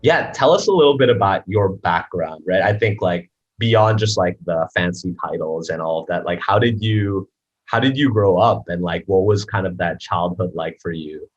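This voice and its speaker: Low husky guy hosting a podcast, says like a lot, kinda muffled lo-fi audio. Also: moderate pace, soft background music. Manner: rambling, many "like" fillers. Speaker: podcast host. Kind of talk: casual interview questions. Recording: dull lo-fi sound.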